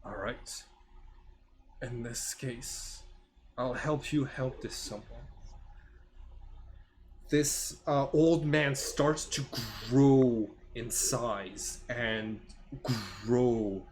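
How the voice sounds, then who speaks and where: A man working as game master, improvising the narration of a tabletop fantasy game and often searching for words in a halting way. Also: mid-range voice, a little mellow, a little hiss or hum.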